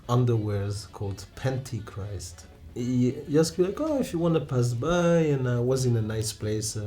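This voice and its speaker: Medium in pitch but dark in tone, the voice belongs to a Romanian man in his thirties who speaks English as a second language. Relaxed in an interview, he tells personal stories, often pausing to restart and laughing along.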